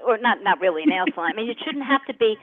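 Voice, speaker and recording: A woman's voice: mid-range voice, lively intonation, rapid-fire, no echo. A woman gives live readings as a psychic medium in a mid-range voice. Her talk is chatty and direct, broken into short bursts. The audio is narrow and phone-like. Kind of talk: casual live readings, conversational.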